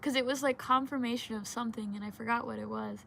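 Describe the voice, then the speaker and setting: A woman's voice: a little high, fairly even intonation, fast talker, gravelly, sharp tone, slight background noise. A woman rambling in casual chat with a giggly stoner drawl, often losing her thread. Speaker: vlogger.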